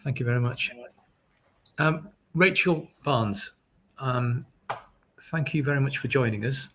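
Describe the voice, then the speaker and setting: A man hosting a webinar casually, halting and friendly with many fillers. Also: medium pitch, a bit bright, slight background noise. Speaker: webinar host.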